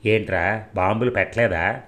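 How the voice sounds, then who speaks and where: Angry middle-aged gang boss, shouting and abusive, read by a male narrator. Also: lowish voice, normal speed, close to an everyday voice. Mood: furious.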